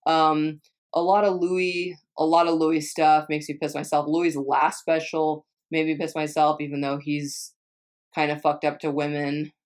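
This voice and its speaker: A young Texan woman vlogs casually, answering viewer questions while rambling, swearing a lot, and often trailing off and restarting. Her voice sits low, with a flat delivery and a measured pace.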